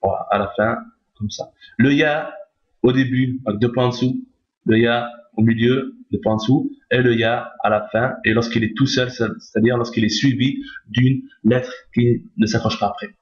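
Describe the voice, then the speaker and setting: A man's voice: medium pitch, steady tone, moderate pace. Man teaching patiently in a roomy lo-fi recording. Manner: patient, repeats each point, checks with "d'accord?". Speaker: Arabic reading teacher. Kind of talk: recorded lesson explaining on screen.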